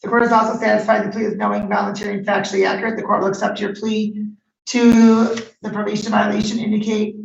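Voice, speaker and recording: A woman judge speaks firmly and formally, her voice slightly gravelly with a touch of fry. She comes through a courtroom recording made from a distance, roomy, echoey and dull. A little background hiss remains. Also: medium pitch, level tone. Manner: firm, measured, formal.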